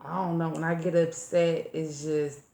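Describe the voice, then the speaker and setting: A woman's voice: deep voice, little pitch movement, moderate pace, dark tone. A woman co-hosting a podcast, telling a story in a laid-back, profane way, trailing off and starting over. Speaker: podcast co-host. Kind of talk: casual storytelling chat. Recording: echoey room.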